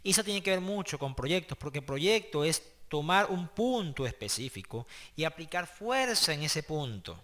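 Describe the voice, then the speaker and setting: Male instructor, online class, bright voice, slightly high, chatty and checks in with students. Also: big pitch swings, moderate pace, hardly any pauses. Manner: conversational, checks in with "¿ok?" and "¿sí?"; explains step by step, with hesitant restarts. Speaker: teacher. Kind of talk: online class lecture with prayer.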